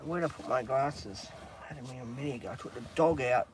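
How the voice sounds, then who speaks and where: A man's voice: mid-range voice, fast, very noisy. An Australian man hosting a livestream, telling a long story in a casual, rambling way, with many restarts and filler words. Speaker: livestream host.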